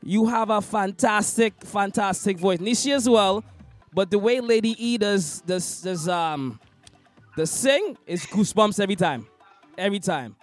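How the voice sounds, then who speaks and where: High-pitched dude dj hosting a video call interview, gushing and emphatic, faint music behind. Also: male voice, lively intonation, a little slow. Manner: effusive, emphatic, repeats himself. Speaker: DJ and interview host. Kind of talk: casual interview chat.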